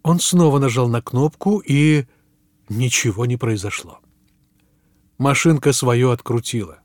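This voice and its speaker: A man reading a science fiction audiobook in measured scripted narration, with phrase ends that drop low, on a close studio mic. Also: darkish tone, dry recording.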